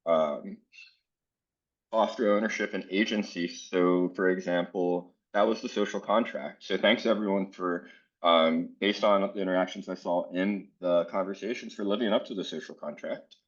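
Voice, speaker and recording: A South Florida man with a very low voice runs a workshop for teachers at a conference. His manner is casual and earnest, with many "um" fillers in the pauses. The audio sounds dull and lo-fi, like a video call.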